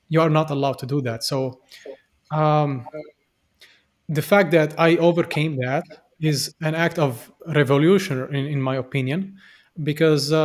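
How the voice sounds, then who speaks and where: A man's voice: a little high, a little mellow. A young man from Syria, a podcast guest, speaking earnestly and reflectively with frequent fillers and restarts. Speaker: podcast guest, software developer. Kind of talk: conversational interview.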